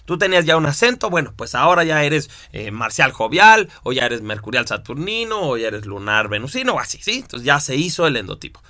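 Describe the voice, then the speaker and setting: A man delivering an animated lecture in a bright, forceful voice that swings widely up and down, sitting a little high for a man. He keeps checking in with rhetorical questions and drops in punchy sound effects to drive his points home. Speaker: teacher.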